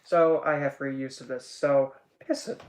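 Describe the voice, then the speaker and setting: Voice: mid-range voice, steady tone, unhurried, a little mellow. Rambling, chatty spiritual teacher. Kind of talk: casual esoteric teaching talk.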